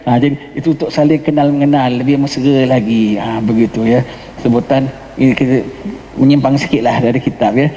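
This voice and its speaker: A man's voice: medium pitch, steady tone, fairly quick, mellow, slight background noise. A man with a Johor Malay accent gives a mosque lecture on a religious text, explaining patiently and asking the listeners questions. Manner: explains patiently, mixes in English words, asks the listeners "ha?". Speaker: religious teacher. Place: mosque hall. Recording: long hall reverb.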